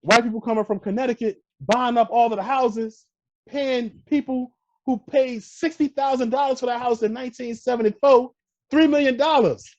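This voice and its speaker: A man's voice: extremely high pitch, fairly even intonation, normal speed, lo-fi sound. A man from Brooklyn with a New York accent, talking emphatically in a casual podcast conversation and tagging points with "all right". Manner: emphatic, peppers points with "all right" and "you know what I mean".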